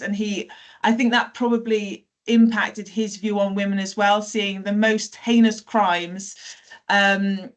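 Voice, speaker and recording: A woman from South Wales who works as a teacher, telling personal stories in a relaxed podcast chat with frequent fillers and self-corrections. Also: medium pitch. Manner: chatty, many fillers and self-corrections, light laughs. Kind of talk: casual conversational storytelling.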